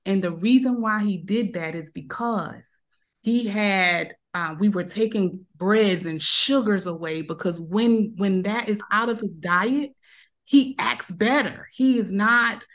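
A woman in her thirties tells a personal story as a podcast guest, in a casual, conversational way. She acts out the voices of the people in the story. Her voice sits at a middle pitch. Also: slow, fairly bright tone. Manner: emotional retelling, acts out quoted voices.

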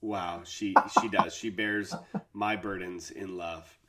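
Man, low voice, podcast co-host, playful, laughs a lot, remote call recording. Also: fairly even intonation, slow, a crowd in the background. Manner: playful, joking, laughs often. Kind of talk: casual podcast chat.

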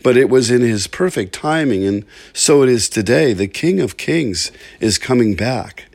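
A man preaching a sermon in an earnest, measured way, slowing down to stress key words. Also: mid-range voice, animated, gravelly, darkish tone.

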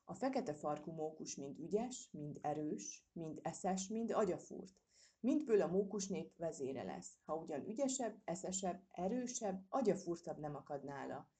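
A woman voicing an old male squirrel soothsayer who speaks with unshaken calm and haggles slyly. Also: low-pitched. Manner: unhurried, sly bargaining.

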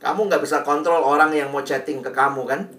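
Lively man speaking from far off. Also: a little high, brisk. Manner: lively, slips English phrases into his talk. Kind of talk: speaking to a group. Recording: echoey, mic far away.

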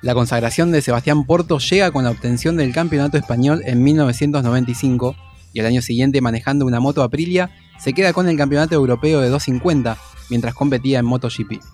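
Brisk male documentary narrator. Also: mid-range voice, darkish tone, soft background music.

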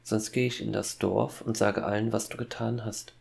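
A man voicing a calm, cold young boy who quietly threatens his father in a horror fairy-tale audiobook. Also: lowish voice, moderate pace, vocal fry. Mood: cold menacing.

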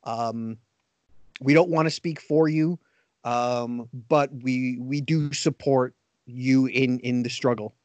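A man co-hosting a casual podcast, talking haltingly with many ums and restarts. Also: mid-range voice, steady tone, a little mellow, no echo, muffled recording. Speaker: podcast co-host.

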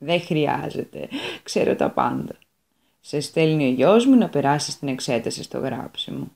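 A woman voicing a stern, elderly bearded male god in a children's story, speaking low, slowly and curtly. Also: lively intonation, vocal fry, darkish tone. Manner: low, slow and curt.

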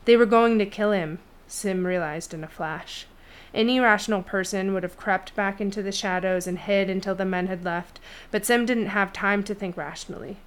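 A woman narrating a fantasy novel chapter in a steady storytelling read. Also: medium pitch, moderate pace, hardly any pauses, smooth. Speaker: audiobook narrator. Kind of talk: scripted fiction narration.

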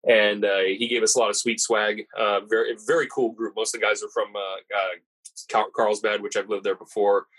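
A man's voice: on the low side, flat delivery, normal speed, a bit bright, low-quality recording. A man hosting a podcast, chatting casually and telling a digressive golf-caddie anecdote with self-correcting asides.

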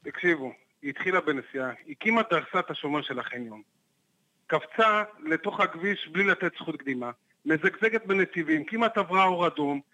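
A man, a private investigator guest on a podcast, telling a story in a lively, animated way and acting out the dialogue. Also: rough recording. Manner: animated, acts out the dialogue with jumps in pitch.

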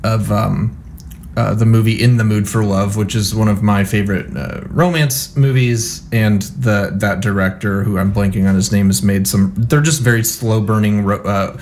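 A man's voice: on the low side, steady tone, normal speed, darkish tone, slight background noise. A man co-hosting a podcast, chatting casually in a wry, rambling way with lots of asides. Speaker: podcast co-host. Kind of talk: casual chat.

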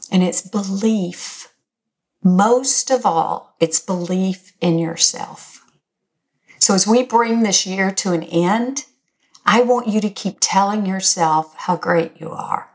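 An older woman with a raspy, slightly hoarse voice, speaking as a host in an encouraging, emphatic motivational talk straight to her listeners. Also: medium pitch. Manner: encouraging, direct address, emphatic. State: slightly hoarse, recovering from illness. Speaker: podcast host.

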